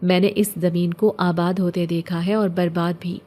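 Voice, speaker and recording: A woman voicing an ancient, gentle male jinn who speaks in a calm, poetic, consoling way. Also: fairly low pitch, faint music behind, lightly acted. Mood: calm, tender.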